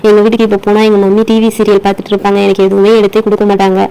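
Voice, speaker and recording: A blunt, sharp-tongued young doll girl , voiced by a woman, in a doll play story. She speaks fast in a smooth, mellow tone. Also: mid-range voice, flat delivery, lightly acted, poor audio. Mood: mocking. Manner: blunt and mocking.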